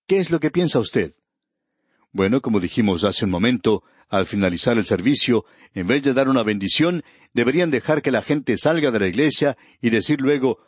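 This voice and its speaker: A man's voice: mid-range voice, no echo. A man teaching a scripted radio Bible study, speaking earnestly and directly to the listener. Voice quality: husky.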